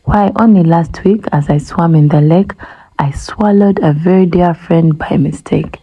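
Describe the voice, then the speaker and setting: A woman voicing a crafty, creepy old male crocodile in a storybook read-aloud, sly and breathy. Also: lowish voice, a little slow, lo-fi sound.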